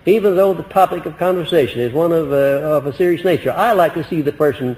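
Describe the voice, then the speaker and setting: A man giving a motivational lecture to a live audience, folksy and emphatic, deliberately swinging his voice up and down. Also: a little high, darkish tone, big-room sound, poor audio. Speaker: motivational speaker.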